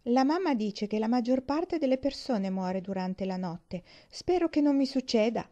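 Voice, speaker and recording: An earnest little girl, as a woman reading puts her on, slow and solemn in a raised voice. Her tone is mellow. It has the dull sound of a lo-fi audiobook. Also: fairly high pitch, lively intonation, voice pushed up, lightly acted. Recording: dull lo-fi recording.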